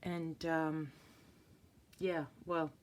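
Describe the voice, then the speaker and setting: A Swedish woman in her fifties flips through a planner at an indoor table, chatting casually for her planner vlog. She speaks extremely slowly in a low, level voice, hesitating, searching for words and often restarting.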